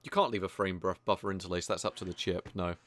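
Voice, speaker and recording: A man with a low, steady voice talks fast while playing a video game. His live commentary is casual and rambling, and he often pokes fun at himself.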